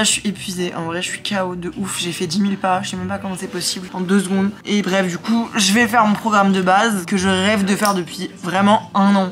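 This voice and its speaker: A young adult woman travel vlogger chats casually into a handheld vlogging camera from city streets and a hotel room, playful and full of self-mocking asides. Her voice is medium-pitched, and the background is noisy.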